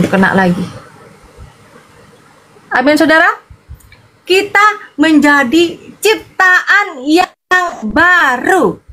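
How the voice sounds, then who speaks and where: A woman evangelist from Madura preaches in a loud, sharp, bright voice that sits high in her range. She is animated and keeps calling out her viewers by name as she preaches. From Madura, Indonesia. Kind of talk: livestream sermon.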